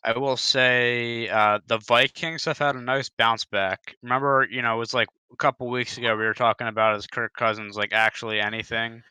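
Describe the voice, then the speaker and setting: A man's voice: mid-range voice, fairly even intonation, normal speed, few pauses, sharp tone, smooth, no room sound. A young man hosting a live podcast, chatting casually about football with many hesitations and restarts. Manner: rambling, hesitant, stops and restarts. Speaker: podcast host. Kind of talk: casual sports chat. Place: home, live online podcast.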